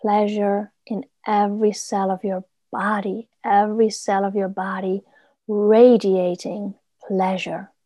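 Female meditation guide, mellow and unhurried, soothing murmur as if during a massage, close dry sound. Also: mid-range voice, level tone, no room sound. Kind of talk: guided body meditation, soft instruction.

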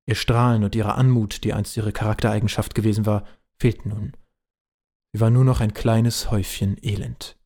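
A man narrating a hobby audio drama in a plain, steady storytelling way. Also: fairly low pitch, normal speed.

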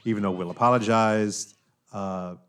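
A man from New York hosting a casual podcast chat, animated, repeating himself and filling with "like" and "right?". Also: on the low side, normal speed, clean tone, faint music behind. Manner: animated, talks with hand-wavy fillers and repeats himself. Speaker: podcast host.

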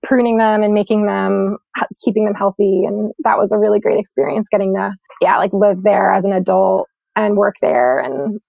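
Speaking at a moderate pace with a medium-pitched, creaky voice, this young woman is a climate scientist who was born in Sweden and grew up in New York. She's casual and reflective in an interview, leaning heavily on "like" and "um." There's no echo, though the recording is dull and lo-fi.

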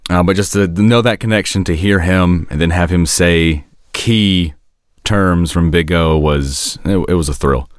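A man hosting a podcast in casual analytical conversation, often pausing to search for words and rephrase. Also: low voice, no echo, studio quality. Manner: hesitant, searching for words, self-correcting. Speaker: podcast host discussing an animated series.

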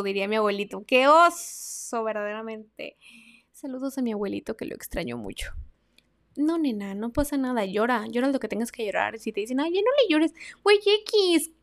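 Chatty Mexican woman podcaster. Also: on the high side. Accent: Mexican Spanish. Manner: chatty, slangy, swinging between loud emphasis and soft asides. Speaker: podcast host. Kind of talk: casual advice podcast.

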